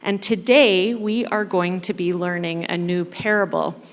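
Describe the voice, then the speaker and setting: Speaking slowly with fairly low pitch and fairly even intonation, a woman leading a church service as kids ministry coordinator tells an interactive story-sermon. She's playful, uses dramatic pauses and addresses the congregation directly in a church hall, and the long reverb of the echoey room is clear.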